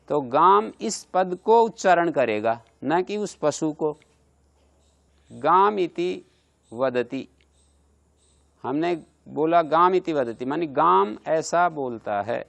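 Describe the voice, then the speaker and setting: In a classroom lecture on grammar, a man with a fairly high, gravelly voice walks through the material step by step. He pauses now and then to quiz his listeners and check they're following.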